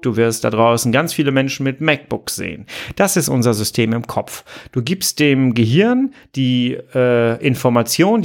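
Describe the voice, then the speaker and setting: A man's voice: medium pitch, creaky. Earnest man coaching his listener. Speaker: podcast host. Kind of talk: motivational podcast talk.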